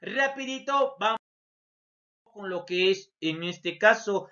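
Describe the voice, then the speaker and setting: A man's voice: high-pitched, lively intonation, slow pace, sharp tone. A man teaching a recorded lesson, who poses his students' questions to himself and answers them, often calling the listener his dear student. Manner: explains by asking and answering its own imagined student questions. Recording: dull lo-fi recording.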